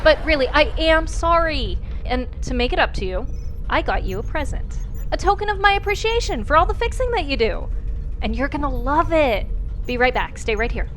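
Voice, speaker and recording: A woman's voice: high-pitched, sing-song, moderate pace, fairly bright tone, faint music behind. A woman playing a reckless, optimistic starship pilot in a sci-fi comedy audio drama, bubbly and eager. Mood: giddy, eager. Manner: bubbly, eager, sing-song.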